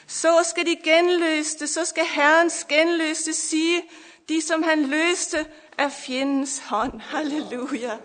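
Fervent high-voiced woman preaching in reverb. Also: a bit bright. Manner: fervent, repeated hallelujahs, voice breaking into tears at times. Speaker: preacher giving testimony. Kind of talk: emotional Pentecostal sermon. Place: church or camp meeting hall. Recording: long hall reverb.

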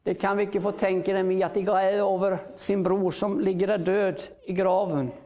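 Male revival preacher, very high voice, fervent, hallelujah-heavy delivery. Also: little pitch movement, mellow. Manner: fervent, repeated hallelujahs, rising to calls. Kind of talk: revival sermon.

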